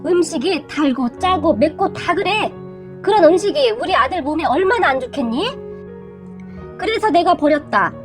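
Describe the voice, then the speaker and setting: Brief: heated, scolding older mother-in-law in a storybook reading, read by a woman, high voice, faint music under. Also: animated, normal speed. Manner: reproachful, heated.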